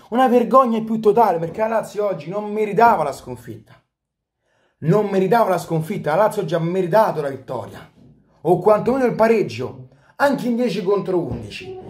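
A man with a high-pitched voice comments on football as a fan. He is indignant and emphatic, hammering points by repetition. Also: darkish tone. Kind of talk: indignant post-match rant.

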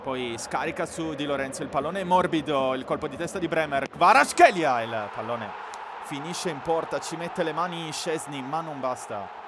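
A man giving live football commentary, excitable and given to bursting into shouts at chances. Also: a little high, normal speed. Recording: constant stadium-like background noise.

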